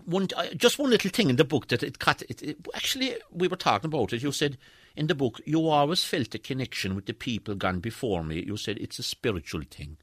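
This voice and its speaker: A man's voice: medium pitch, big pitch swings, a little fast, a bit bright, slightly rough, dry recording. A man with a southwestern Irish accent hosting a casual radio interview, chatty and given to interjecting and repeating himself. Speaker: radio host.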